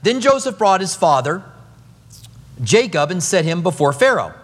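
A man's voice: high-pitched, normal speed, breathy edge, in a large hall. A middle-aged man preaching a sermon as pastor, telling stories with humor. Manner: animated storytelling with humor.

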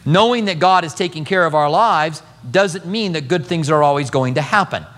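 A man's voice: on the high side, normal speed, in a large hall. A middle-aged man preaching a sermon as pastor, telling stories with humor. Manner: animated storytelling with humor.

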